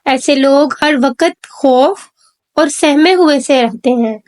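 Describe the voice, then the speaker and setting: A woman hosting a channel, giving a scripted explanation in a measured, earnest way and building her points in repeated lists. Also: high voice, a little mellow. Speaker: channel host explaining psychology.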